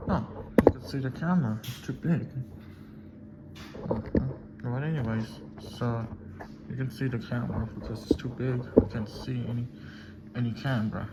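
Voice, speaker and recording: A man's voice: medium pitch, normal speed. Man in casual tasting chat, noisy recording. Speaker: host of a candy tasting video. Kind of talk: casual mukbang chat with food reactions.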